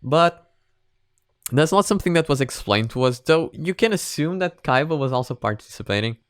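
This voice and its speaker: Reacting to an animated parody series, this male video reviewer speaks at a normal speed with a slightly high, smooth voice and lively intonation. He's unscripted and casual, hesitant, rambling and repetitive, recorded in clean studio sound without echo.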